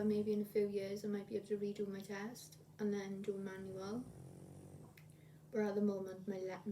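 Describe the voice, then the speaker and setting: A woman's voice: medium pitch, warm tone. A woman, chatting casually to camera in a rambling, repetitive way as a video blogger. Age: 20s. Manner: rambling, repeats herself. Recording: distant mic, clear room noise.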